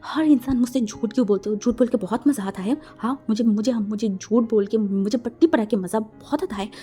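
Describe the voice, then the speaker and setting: A woman voicing a jealous, hot-tempered young man in a romance story, who makes loud, angry threats. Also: fairly high pitch, a little fast, slightly rough. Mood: furious.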